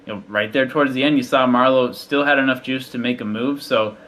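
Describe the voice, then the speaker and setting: A man's voice: mid-range voice, fairly even intonation, a little fast, fairly bright tone. A man giving live motorsport commentary in an informal, chatty, conversational way.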